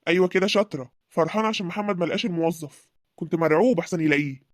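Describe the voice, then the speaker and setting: Earnest Egyptian cartoon suitor, played by a woman, lowish and rapid. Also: no room sound, studio quality, close to an everyday voice. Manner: earnest, insistent. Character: young man Youssef, earnest lover. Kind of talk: cartoon voice acting.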